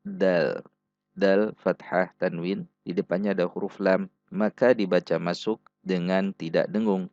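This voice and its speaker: A man teaching Quran recitation rules, speaking slowly and deliberately and repeating each syllable for practice. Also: low-pitched, creaky, no room sound. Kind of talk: tajwid lesson with slow recited examples. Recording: dull dry lo-fi recording.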